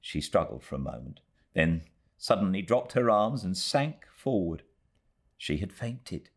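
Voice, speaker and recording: A British man with a deep, slightly breathy voice narrates a classic novel as an audiobook, measured and expressive in his storytelling.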